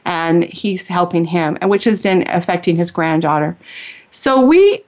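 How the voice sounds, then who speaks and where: A woman's voice: lowish voice, expressive, a little slow, a little mellow. A woman who hosts a spiritual healing radio show, telling a personal story in an earnest, heartfelt way.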